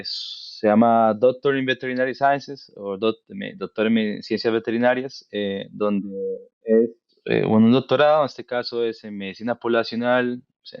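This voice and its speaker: Low-voiced man from Costa Rica, dry sound. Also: dry recording, highs cut off. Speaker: veterinarian guest. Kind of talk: casual conversational interview.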